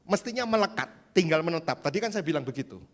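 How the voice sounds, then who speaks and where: A man preaching a youth sermon as pastor, lively and joking, acting out voices in quotes. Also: fairly high pitch, quick pace, big-room sound. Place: large church hall.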